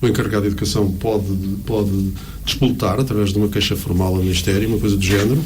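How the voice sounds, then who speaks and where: A man's voice: fairly low pitch, fairly even intonation, fast, darkish tone. A middle-aged man with a European Portuguese accent, a teacher explaining conversationally, searching for words and repeating them for emphasis. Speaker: teacher, guest in discussion. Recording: clear background room noise.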